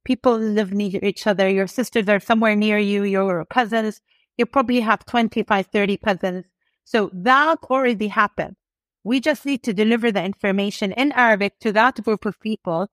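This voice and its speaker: A woman's voice: medium pitch, moderate pace, dry recording. A middle-aged woman from the United Kingdom, speaking as a guest in a podcast interview in an enthusiastic, articulate and emphatic way. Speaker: guest, e-commerce executive.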